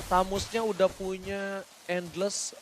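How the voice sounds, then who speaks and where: A man's voice: sits high, little pitch movement, takes it slowly, very noisy. A man with an Indonesian accent giving live play-by-play commentary on a mobile esports match. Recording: music under the voice.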